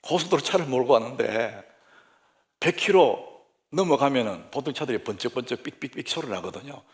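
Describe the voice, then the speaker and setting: A man, a senior pastor, preaching a sermon through lively, humorous stories. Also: mid-range voice, a little fast. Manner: lively anecdotal storytelling, humorous.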